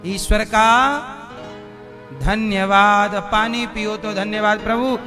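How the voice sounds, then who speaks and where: A man's voice: sits high, fairly even intonation, slow. A man preaching a devotional sermon, often questioning the audience and chanting verses. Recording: live hall with music behind.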